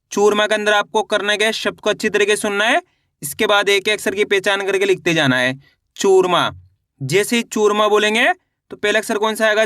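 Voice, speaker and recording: A man's voice: sits high, pushed and bright, no room sound, studio quality. A man teaching children to read and write words, spelling each one out syllable by syllable and answering his own questions. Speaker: Hindi literacy teacher.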